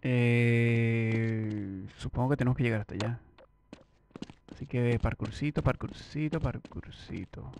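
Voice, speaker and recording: A young man giving let's play commentary, talking to himself and swinging from muttering to excited shouting. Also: mid-range voice, measured pace, long pauses, noisy background. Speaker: gameplay streamer. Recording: loud game gunfire behind voice.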